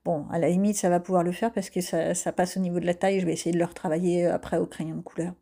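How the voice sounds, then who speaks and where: A woman's voice: fairly low pitch, level tone, fast talker, vocal fry, warm tone. A woman giving a casual voice-over of her coloring session as an art vlogger. She talks in a chatty, self-mocking way, with frequent hesitant fillers.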